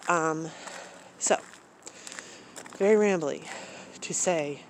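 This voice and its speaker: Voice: mid-range voice, extremely slow, a little hiss or hum, low-quality recording. Rambling vlogger talking into a phone. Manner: rambling, many fillers and restarts. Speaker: travel vlogger. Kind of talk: casual rambling monologue. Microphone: phone camera.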